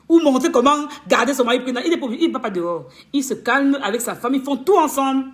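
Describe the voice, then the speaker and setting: On a live stream, a woman who works as a relationship coach launches into a passionate, scolding rant, her voice a little high. She fires off rhetorical questions and stumbles over repeated words.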